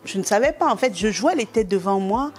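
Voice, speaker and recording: A woman from Cameroon, a stand-up comedian, telling stories from her career in a lively, relaxed interview. She acts out bits of dialogue and laughs often. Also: medium pitch, brisk, faint music behind. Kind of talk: relaxed anecdotal storytelling.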